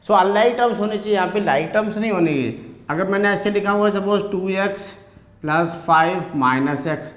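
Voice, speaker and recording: A man with an Indian accent teaching a maths lesson, moving between slow, dictated definitions and quicker explanations. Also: high-pitched, a bit bright, echoey room.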